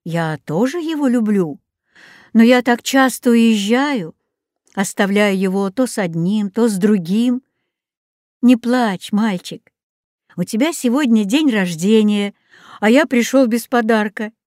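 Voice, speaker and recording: A woman's voice: a little high, lively intonation, unhurried, darkish tone, dry recording, clean studio sound. A woman reading the lines of a polite grown man who owns a parrot, in a storybook. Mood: gentle.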